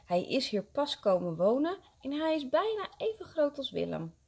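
Expressive woman reading to kindergarteners. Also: high voice, moderate pace, creaky. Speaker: kindergarten teacher. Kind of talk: reading a story aloud to young children.

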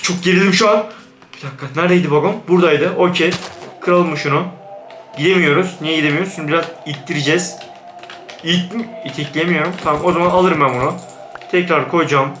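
Jumpy high-voiced man playing a horror game. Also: fast, reverberant, soft background music. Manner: jumpy, exclaims in fright then talks himself calm. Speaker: gaming YouTuber. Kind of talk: horror game let's play commentary.

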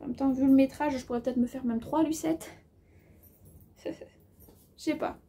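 A woman's voice: sits high, steady tone, normal speed, mellow. A woman with an accent of her own, chatting casually in a sewing haul video, thinking aloud as she measures fabric, with plenty of hesitations and filler words. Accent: has an accent of her own. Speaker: sewing vlogger.

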